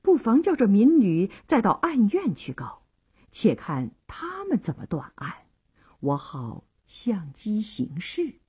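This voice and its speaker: A woman's voice: on the high side, sing-song, warm tone, breathy edge, full character voice. Woman doing a shrewd young magistrate. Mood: cautious musing. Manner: measured, wry, deliberate. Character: upright young male county magistrate, calm and shrewd.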